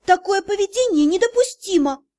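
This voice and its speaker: A woman playing a frightened young heroine with a high, tense voice that pleads and protests. Her words come out shaken and strained, the way an audiobook heroine pushes back. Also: animated, normal speed, a little mellow. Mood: tense, pleading. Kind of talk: audiobook character voice.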